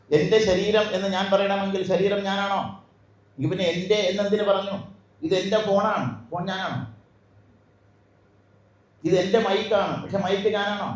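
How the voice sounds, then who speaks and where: Malayali guru man preaching to a crowd, kinda high voice, lots of rhetorical questions, big echo. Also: a little mellow. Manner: asks many rhetorical questions; repeats phrases in lists. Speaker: spiritual teacher. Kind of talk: spiritual discourse to an audience. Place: hall with a live audience. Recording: very echoey hall.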